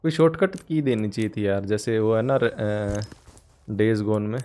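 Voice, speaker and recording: A man giving live gameplay commentary, swinging from casual chat to panicked yelling during fights. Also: fairly low pitch, moderate pace. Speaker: gaming streamer.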